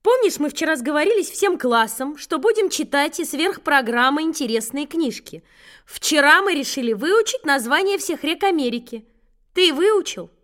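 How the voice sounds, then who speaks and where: A woman's voice: expressive, moderate pace, fairly bright tone. A woman doing a stern scolding schoolteacher. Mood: dry. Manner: strict, scolding, low and clipped. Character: stern tired female schoolteacher, middle-aged.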